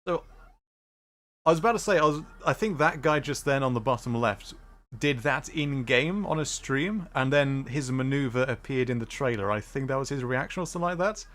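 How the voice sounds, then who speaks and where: Man, modern British received pronunciation, casual live-stream commentary, halting rambling explanations, medium pitch. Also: animated, a bit bright. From Midlands of England. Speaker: streamer reacting to a game showcase.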